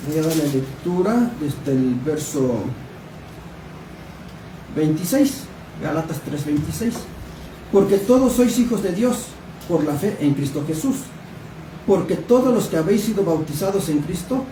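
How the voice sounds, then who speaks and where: A man preaching in a church, reading scripture and asking the congregation questions. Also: on the high side. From Mexico. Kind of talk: Bible study sermon. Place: church hall. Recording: echoey room, distant mic, background noise.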